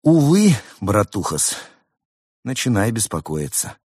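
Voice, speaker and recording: A man's voice: fairly low pitch, very animated, slow, darkish tone, husky, no room sound, clean studio sound, exaggerated voice. A man voicing a brash, joking male cat in a storybook reading, talking in cheeky slang.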